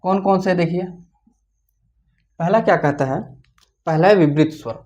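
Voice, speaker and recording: A teacher giving an online exam-prep lesson, who asks questions and answers them, repeats key points, and slowly sounds out each vowel. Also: medium pitch, a little mellow. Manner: slows down to say the vowel sounds out clearly. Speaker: Hindi grammar teacher.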